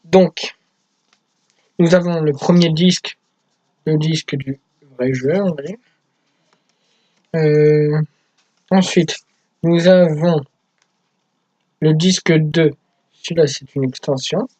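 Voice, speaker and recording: A man's voice: on the high side, steady tone, slow pace, pauses often, dark tone, dry recording, rough recording. A young man in his teens hosting a casual unboxing vlog for his gaming channel, chatty and self-mocking. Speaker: gaming YouTuber.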